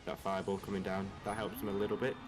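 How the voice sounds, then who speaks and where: Fast-talking English esports analyst, low voice. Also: male voice, flat delivery, music in the background. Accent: general English with a slight Australian twang. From England, raised in Australia from about twelve. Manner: fast, analytical, breaks down matchups. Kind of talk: live esports analysis commentary.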